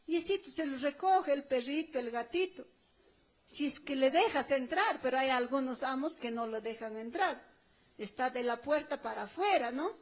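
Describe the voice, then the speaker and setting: Woman preacher, high voice, emphatic sermon delivery with drawn-out exclamations; dull lo-fi recording. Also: expressive.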